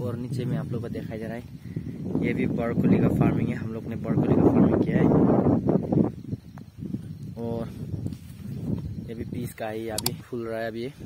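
A man's voice: medium pitch, heavy background noise. A young man giving a casual walking tour of his hillside vegetable farm, plainly pointing things out one by one while filming on a phone held at arm's length outdoors. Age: young adult. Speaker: farm vlogger.

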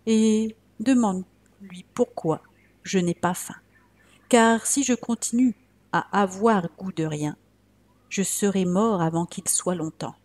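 A woman voicing a big, lazy tiger who yawns and talks in a relaxed drawl. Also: mid-range voice, slow.

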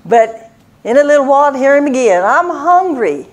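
Folksy older woman preaching, higher pitch. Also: fast, darkish tone. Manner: folksy storytelling with frequent laughs. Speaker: church speaker. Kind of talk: sermon.

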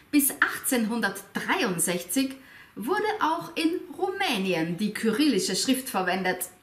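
A woman hosting an educational video, explaining with a playful, expressive manner and asking viewers rhetorical questions. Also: a little high. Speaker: language teacher and video host. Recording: echoey room, faint music behind.

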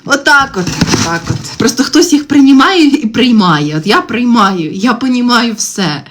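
A TikTok livestream host in her thirties chats casually from home as she draws, speaking expressively at a measured pace. Constant swearing and exasperated rants mark her talk, with sudden jumps to a high pitch. Faint clicks and background noise come through.

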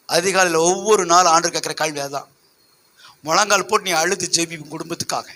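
High, bright-voiced preaching pastor. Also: male voice, gravelly. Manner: emphatic preaching, rhetorical questions to the congregation. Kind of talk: sermon.

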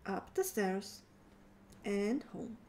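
A woman's voice: medium pitch, extremely slow, darkish tone, slight background noise. A woman streamer chatting casually and playfully with her viewers while gaming. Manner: playful, teasing, talks to chat.

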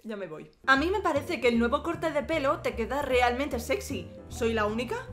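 A woman's voice: sits high, expressive, moderate pace, faint music behind. A young woman from Spain with a Spanish accent, joking and swearing casually as she answers viewer questions in a vlog. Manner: joking, swears often, jumps between silly voices. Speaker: YouTuber.

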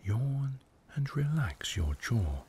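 A man guiding a meditation, speaking softly in a hushed voice that often drops to a whisper. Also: medium pitch, very animated, slow, slight background noise. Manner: soft, hushed delivery, often slipping into a whisper. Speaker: meditation guide. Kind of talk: guided meditation narration.

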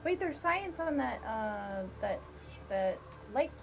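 A woman's voice: on the high side, sing-song, slow, soft background music. A woman streaming a co-op survival game with friends, giving directions and laughing as they go. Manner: directs the group, calls out routes and laughs. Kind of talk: casual co-op gaming chat. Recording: gaming mic with clear background noise.

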